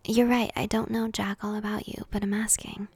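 A woman's voice: mid-range voice, little pitch movement, moderate pace, darkish tone, slightly rough. Woman whispering as a cranky queen-bee teen in whispered role-play. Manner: cranky, cutting retorts. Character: sharp-tongued popular teenage girl, defensive.

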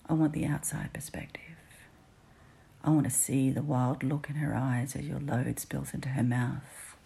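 A woman's voice: rumbling low, little pitch movement, moderate pace, creaky, dark tone, husky. A woman whispering an intimate adult roleplay close to the listener's ear, ASMR style. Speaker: audio roleplay performer.

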